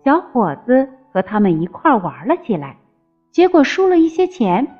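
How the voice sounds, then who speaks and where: A woman narrating a fairy tale in an expressive storytelling manner. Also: fairly high pitch, moderate pace. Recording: slightly dull with faint music.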